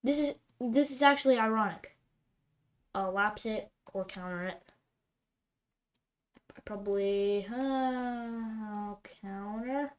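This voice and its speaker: A woman's voice: medium pitch, steady tone, measured pace, pauses often. A woman giving running commentary on her own card game, talking to herself and breaking into exasperated outbursts over her bad luck. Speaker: streamer playing a card game. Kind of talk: live gameplay commentary.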